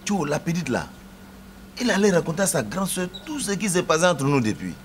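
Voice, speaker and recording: An actor with an Ivorian French accent playing a worried unfaithful husband, lamenting to a friend. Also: male voice, on the high side, big pitch swings, a little fast, a little hiss or hum. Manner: anxious, lamenting. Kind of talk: TV drama acting.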